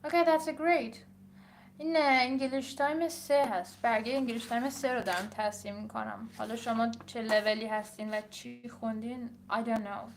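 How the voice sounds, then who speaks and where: A young adult woman with a Persian accent, an English teacher talking casually while she grades her students' papers, reading items aloud slowly and then explaining quickly. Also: on the high side, fairly even intonation, slight background noise. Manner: switches between slow read-aloud and quick explaining.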